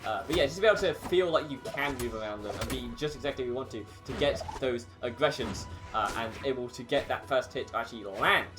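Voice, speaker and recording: Game music runs under a male fighting game tournament commentator calling the action at a quick pace with hardly any pauses. His voice is medium-pitched, and he sounds casual and hesitant, often repeating himself mid-phrase.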